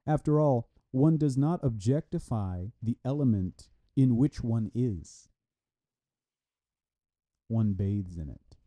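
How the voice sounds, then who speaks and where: A man reads a translated academic philosophy review aloud in a formal, scripted style, voicing punctuation and citations as he goes. His mid-range voice is expressive and mellow, unhurried, with frequent pauses.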